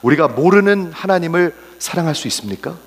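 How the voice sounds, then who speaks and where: A male pastor preaches with a very lively, swooping delivery, jumping from raised exclamations to hushed, almost whispered asides. He drops English words into his Korean now and then. His voice rings out with the long reverb of a large church hall. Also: a little high, fairly quick. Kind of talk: sermon.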